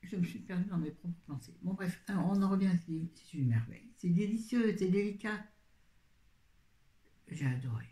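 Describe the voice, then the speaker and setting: Recorded with a roomy echo, this book vlogger talks through a casual book review for her viewers, rambling and cutting herself off often. Her voice is on the low side and mellow, at a moderate pace.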